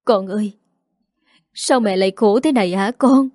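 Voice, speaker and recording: A woman voicing an older village mother who wails and scolds harshly, in a dry mellow voice. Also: on the high side, expressive, a little fast, dry recording, natural voice. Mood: lamenting. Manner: wailing, scolding, harsh-tongued.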